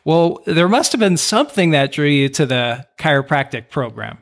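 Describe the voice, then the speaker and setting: A man hosting a podcast, reading a formal introduction and then asking the guest questions with warm encouragement. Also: a little high, big pitch swings, normal speed. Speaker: podcast host. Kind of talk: scripted introduction and interview questions.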